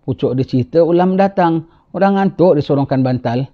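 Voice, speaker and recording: A man teaching a religious class who tells a story in an animated way and keeps asking his listeners "ha?" to draw them in. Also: a little high, fairly quick, muffled recording. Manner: animated, tags lines with rhetorical "ha?". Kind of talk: sermon storytelling.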